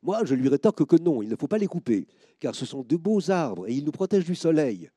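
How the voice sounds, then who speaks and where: Expressive male storyteller, mellow voice. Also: fairly high pitch, brisk, no echo. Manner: expressive reading, rising sharply when quoting others. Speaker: storyteller reading first-person accounts. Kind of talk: scripted narration.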